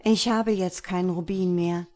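In a fairly low, steady, natural voice at a moderate pace, a woman reads a fairy tale and takes on the role of a sad, selfless statue prince. Her tone is sorrowful, insistent and earnest, softly commanding.

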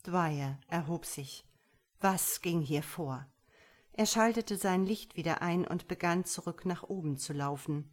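Low-voiced woman narrating a story. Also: measured pace. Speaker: audiobook narrator. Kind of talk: scripted narration.

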